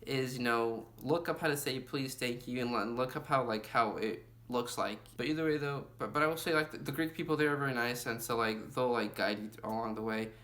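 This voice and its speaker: A young man talks straight to camera with travel tips. His voice is bright and forward, and he chats loosely, filling his sentences with "you know" and "like" as he goes. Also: mid-range voice, fairly quick, few pauses. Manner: chatty, lots of fillers like "you know" and "like". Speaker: travel vlogger.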